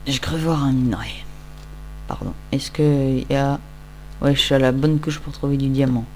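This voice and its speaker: A man's voice: mid-range voice, steady tone, moderate pace, a little hiss or hum. A tired man giving casual, rambling, self-mocking commentary while he plays a game. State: tired, just woke up. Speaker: Minecraft let's-play host.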